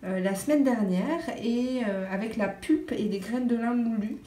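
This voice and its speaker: A woman's voice: a little high, moderate pace, mellow. Chatty woman vlogger in a roomy kitchen. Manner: chatty, addresses viewer directly, frequent hesitations. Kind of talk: casual food vlog chat. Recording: roomy echo.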